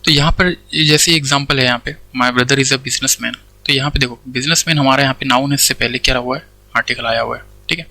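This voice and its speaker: Male grammar teacher with an Indian accent, bright and dry, walks through rules step by step. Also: medium pitch, steady tone, fast talker, no echo, rough recording. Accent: Indian English. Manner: explains step by step, asks questions and answers them himself, says "theek hai" often. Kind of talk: Hindi-English classroom lecture.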